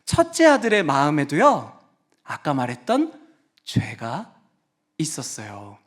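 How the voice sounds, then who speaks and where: Youth preacher, man, fairly high voice, animated and interactive children's sermon delivery. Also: a little slow. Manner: lively, questioning, playful with the audience.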